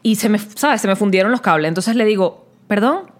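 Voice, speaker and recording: A woman co-hosting a podcast, telling an animated story in casual chat. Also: medium pitch, a little fast. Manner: animated storytelling, acts out phone calls. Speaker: podcast co-host.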